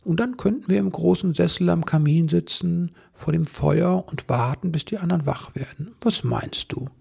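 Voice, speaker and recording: A man voicing a jolly, gentle old Santa Claus in a storybook reading, warm and chuckling. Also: a little high, normal speed, creaky, breathy edge, voice pushed up, full character voice. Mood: kindly.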